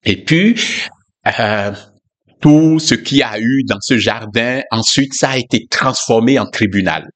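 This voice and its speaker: A man's voice: medium pitch, a little slow. A man giving an informal, conversational sermon, musing aloud with frequent fillers and asides. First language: not English. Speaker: preacher.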